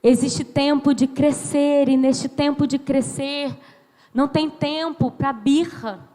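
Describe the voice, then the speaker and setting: A woman in her thirties from Brazil preaching a sermon as a pastor, slow and emphatic, acting out dialogue as she tells stories. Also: high voice, steady tone, mellow. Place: church sanctuary. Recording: long church hall reverb.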